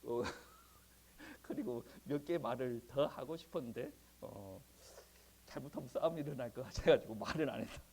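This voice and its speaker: A male pastor preaching a sermon in a conversational, animated way, often chuckling. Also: mid-range voice, moderate pace, a little hiss or hum. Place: church.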